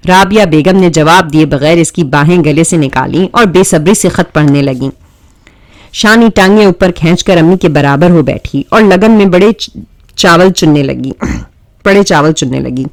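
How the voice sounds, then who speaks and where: A woman reading a romantic novel aloud in steady storytelling narration, with the odd stumble. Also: on the low side, dry recording.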